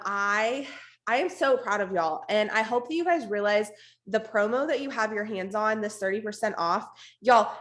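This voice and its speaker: A woman with a hoarse, raspy, strained voice gives an informal, emphatic, unscripted motivational team talk on a video call. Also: fairly high pitch, a bit bright. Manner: informal, emphatic, repeats for stress, blunt. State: hoarse, losing her voice, coughing now and then. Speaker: network marketing team leader hosting an online meeting.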